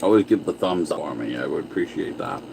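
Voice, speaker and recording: Low-voiced man rambling on a live stream. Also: animated, quick pace, creaky, background noise. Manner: rambling, reads and answers viewer comments; talks with his mouth full. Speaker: livestream host. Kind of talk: casual livestream chat while eating.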